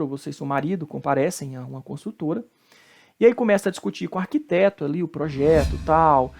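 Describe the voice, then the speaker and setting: A man with a Brazilian Portuguese accent, a law professor giving a recorded lecture, explaining step by step with frequent tag questions and slowing down to pronounce Latin terms. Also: fairly high pitch.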